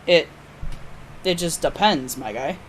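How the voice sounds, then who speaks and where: Lowish-voiced woman co-hosting a podcast, blunt, swears a lot, bit of background hiss. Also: lively intonation, slow pace. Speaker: podcast co-host. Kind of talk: casual chat.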